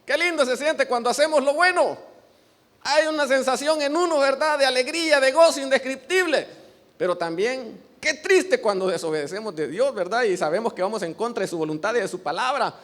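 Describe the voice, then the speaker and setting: A man's voice: very high-pitched, a little fast, fairly bright tone, big-room sound. A male pastor preaching an earnest sermon to his congregation, often asking them for agreement.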